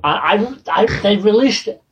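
Husky man stammering into answers. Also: high-pitched, expressive, unhurried, lo-fi sound. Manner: stammers on openings, repeats words. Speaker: podcast co-host. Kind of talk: casual film and TV chat.

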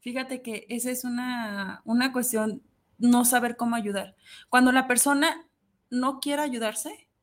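A woman in casual chat as co-host, speaking in a thoughtful, measured way. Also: on the high side, fairly even intonation.

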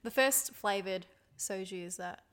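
A woman's voice: mid-range voice, a little slow, a bit bright, clear, resonant tone. A woman co-hosting a casual chat, laughing often and swearing freely as she reads jokes aloud. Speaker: podcast co-host.

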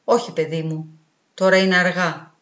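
Woman reading as a quiet lonely old man. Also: lowish voice, flat delivery, lightly acted. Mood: sad, gentle. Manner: soft, quiet voice. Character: lonely old male lighthouse keeper, gentle. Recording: roomy, dull, with faint music.

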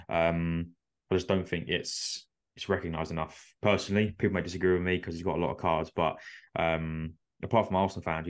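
A man chatting casually on a podcast, relaxed and full of fillers. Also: low-pitched. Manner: relaxed, thoughtful, many fillers.

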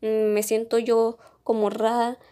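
A woman's voice: fairly high pitch, completely flat delivery, unhurried, warm tone. A young woman telling a school story in a casual, rambling podcast chat. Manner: rambling, many restarts and fillers.

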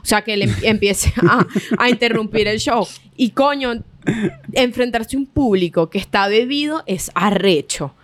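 Venezuelan girl cohosting, slangy chatty, kinda high voice, dead dry room. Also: no echo. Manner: slangy, quick reactions. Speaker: podcast co-host. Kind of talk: casual chat.

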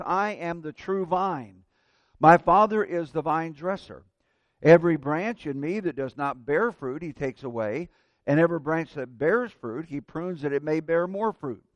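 Man preaching, pulpit microphone, earnest and measured, slightly raised pitch, dry sound. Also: no room sound. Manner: earnest, measured, slows down to stress key words. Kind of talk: sermon.

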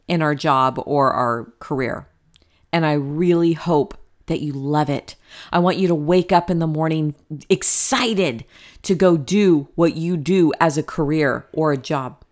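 A woman in her forties hosting her own podcast, talking candidly and chattily about happiness in a motivational tone, with some casual swearing. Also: deep voice. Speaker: podcast host. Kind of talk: solo podcast monologue.

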